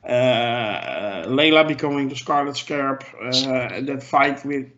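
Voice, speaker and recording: A man's voice: medium pitch, takes it slowly. A man on a podcast panel giving his opinion in a casual, hesitant way, full of fillers. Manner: hesitant, many fillers, gets excited. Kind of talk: casual discussion. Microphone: handheld mic moved about. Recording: muffled lo-fi audio.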